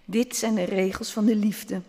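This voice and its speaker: A man voicing a small, wise talking pebble, speaking softly and calmly in a storybook. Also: sits high, moderate pace. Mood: calm, gentle. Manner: soft, calm, quietly persuasive. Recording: long hall reverb.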